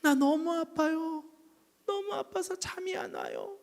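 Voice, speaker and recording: A preacher acting out a frail old man near death, pleading in a thin, strained voice that sits far higher than the preacher's own. The voice is slow and weak and rings in a long church reverb. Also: wildly swooping pitch, creaky, full character voice.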